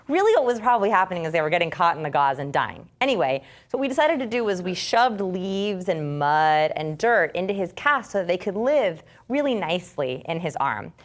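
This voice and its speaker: A woman instructor teaching a storytelling class, lively and acting out quoted speech. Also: fairly low pitch, fairly quick, few pauses.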